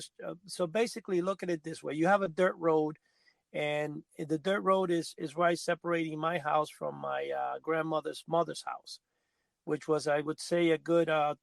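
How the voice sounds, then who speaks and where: A man's voice: a little high, gravelly, no echo. A man from Cuba, co-hosting a podcast, telling a long story in a rambling way and often correcting himself. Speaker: podcast co-host. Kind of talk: casual storytelling chat.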